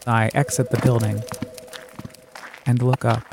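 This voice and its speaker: A man from the United States narrating a scripted first-person audio essay in a reflective, deliberate way. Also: medium pitch, little pitch movement, gravelly, background noise. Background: music.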